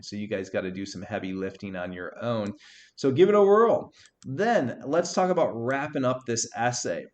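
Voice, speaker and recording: A man teaching a writing workshop to students, talking energetically and checking in with frequent "right?" tags. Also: medium pitch.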